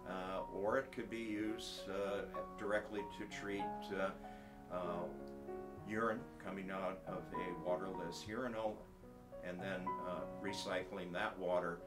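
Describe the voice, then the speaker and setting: A man in his sixties, a research professor, explaining his project to camera in a halting way with many filler pauses, recorded in an office. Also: low voice, level tone. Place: indoor office. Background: faint music.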